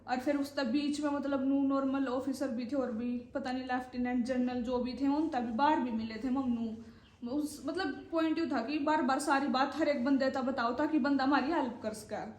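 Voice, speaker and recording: A young woman recounts a trip in a rambling, chatty manner, her voice sitting high. She is recorded in a bare, echoey room at home, and her telling wanders from one detail to the next. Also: fairly even intonation, normal speed, a little mellow. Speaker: vlogger. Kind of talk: casual storytelling.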